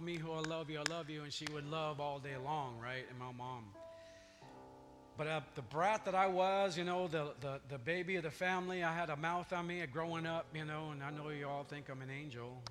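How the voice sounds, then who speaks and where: Male pastor in full sermon mode, high-pitched, lots of church reverb. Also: a bit bright. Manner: preaching, builds to declarations. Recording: long church reverb, faint music.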